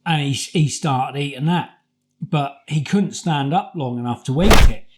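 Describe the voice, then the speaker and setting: A middle-aged British man telling a personal story casually, in a halting, repetitive, colloquial way. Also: on the high side. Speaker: vlogger.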